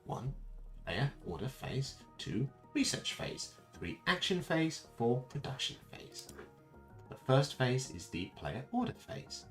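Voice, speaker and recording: A man voicing a creepy male computer narrator, reading out a game tutorial in a measured, announcing tone. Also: medium pitch, very animated, a bit bright, soft background music, voice pushed up. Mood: flat, eerie.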